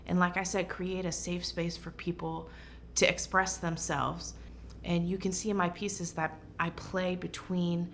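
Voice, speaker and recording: In this interview, a designer and founder of her own brand, raised in Portugal, reflects thoughtfully and sincerely on her work. She speaks in a fairly low voice with vocal fry, and there is a bit of background noise.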